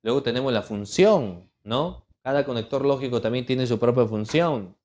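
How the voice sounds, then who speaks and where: A middle-aged man teaching an online legal writing lesson, listing terms in a measured cadence and checking in with students with rhetorical questions. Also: medium pitch, darkish tone. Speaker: writing workshop instructor.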